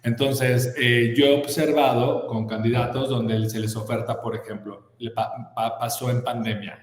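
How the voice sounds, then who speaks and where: A man's voice: medium pitch, flat delivery, a little slow. A man co-hosting a podcast in casual chat, hesitant and restarting words as he builds a point. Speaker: podcast co-host. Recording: echoey room with long reverb.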